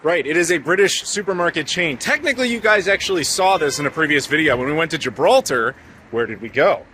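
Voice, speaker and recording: A man's voice: a little high, lively intonation, fast talker, bright, forceful tone. Joking man vlogging on the go. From United States. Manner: joking, chatty, self-mocking. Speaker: travel vlogger host. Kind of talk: casual travel vlog chat. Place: airport and supermarket. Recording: noisy on-location audio.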